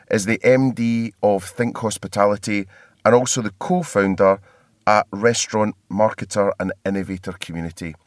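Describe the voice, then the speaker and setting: Recorded with clean studio sound and no echo, this marketing podcast host speaks with a Scottish accent in a fairly low male voice. He's chatty and self-deprecating in a casual hotel conversation, laughing frequently.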